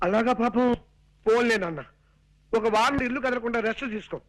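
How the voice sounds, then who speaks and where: An actor playing a cheeky young student who jokes sarcastically in film comedy dialogue. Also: male voice, very high voice, a little fast, fairly bright tone, poor audio. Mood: wry. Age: young adult. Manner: wisecracking, sarcastic.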